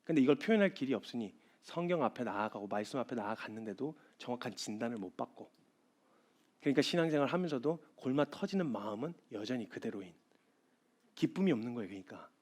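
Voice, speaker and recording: A man in his thirties preaching a sermon as a missionary, animated, acting out little scenes and then dropping to a quiet, intense tone. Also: mid-range voice, quick pace. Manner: animated, acts out voices and crying, drops to quiet intensity.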